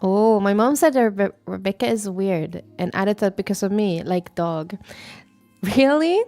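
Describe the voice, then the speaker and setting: A woman streamer chats casually with her viewers in a playful, rambling way, now and then jumping into a high squeaky greeting. Her voice sits in an ordinary middle pitch for a woman. Quiet music plays faintly behind her at the desk mic. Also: fairly even intonation, normal speed. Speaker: VTuber streamer. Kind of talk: casual live-stream chat. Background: faint background music.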